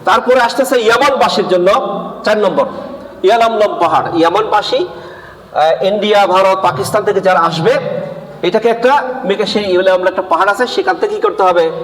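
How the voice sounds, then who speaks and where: A man's voice: high voice, a bit bright. A man preaching a religious lesson, asking his listeners questions and answering them himself while repeating the key points. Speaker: Islamic preacher. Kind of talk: sermon-style religious lesson. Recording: echoey hall with long reverb.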